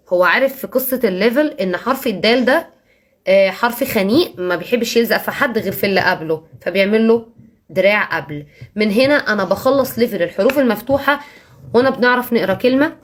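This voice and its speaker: A female teacher with an Egyptian Arabic accent tells parents how she teaches young children. Her mid-range voice is expressive and emphatic, repeating key words and slowing down whenever she gives examples.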